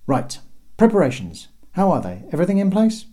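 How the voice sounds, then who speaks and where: A man voicing a calm, commanding woman leader who gives brisk orders in a storybook reading. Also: sits high, pitched above the performer's own voice. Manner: brisk, businesslike.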